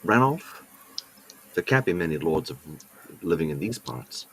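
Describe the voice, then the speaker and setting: A man's voice: deep voice, sing-song, a little slow, fairly bright tone, slightly rough, no echo, poor audio. A man playing a tabletop role-playing game, moving between narration and theatrical in-character speech.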